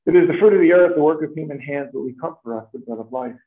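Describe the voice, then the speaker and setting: A man as a priest leading Mass prayers in a measured, formal way, with a cathedral echo. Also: fairly high pitch. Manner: measured, formal liturgical delivery. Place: large church. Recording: echoey church, tinny lo-fi sound.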